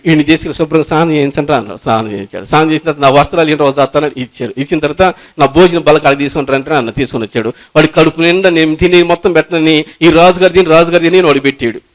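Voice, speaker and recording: A man, a pastor, preaching a sermon as a story, repeating phrases and swinging between loud climbs and hushed passages. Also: a little high, very fast, few pauses.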